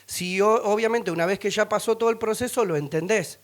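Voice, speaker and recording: A middle-aged male pastor with a Rioplatense Spanish accent and a notably high voice for a man. He preaches with humor, slipping into other people's voices, singing short bits and laughing as he tells family stories. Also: fairly quick. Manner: animated, acts out voices and sings snippets, laughs often. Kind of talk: humorous sermon storytelling.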